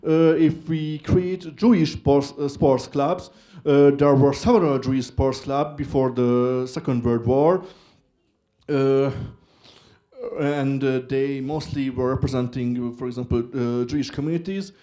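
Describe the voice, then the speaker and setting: A young man from Hungary with a Hungarian accent gives a short stage talk in halting speech with many filler pauses. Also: mid-range voice, fairly even intonation, mellow. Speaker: student speaker.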